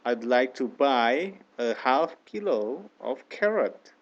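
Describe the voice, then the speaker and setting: A man's voice: mid-range voice, very animated, slow, highs cut off, full character voice. A man voicing a woman shopper in a textbook dialog, reading each line carefully to model intonation. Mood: polite.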